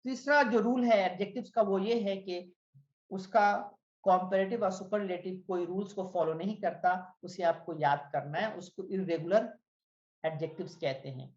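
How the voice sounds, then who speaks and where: A woman teaching English grammar, reading word lists aloud slowly and clearly and explaining the rules. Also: mid-range voice, darkish tone. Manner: reads word lists aloud, slow and drilled, falls at each line end. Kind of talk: spoken English grammar lesson. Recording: echoey room, dull lo-fi sound.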